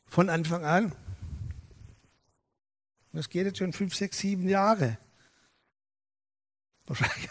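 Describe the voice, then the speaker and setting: High-voiced man preaching in a reverberant hall. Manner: lively storytelling, acts out dialogue. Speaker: pastor. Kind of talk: sermon.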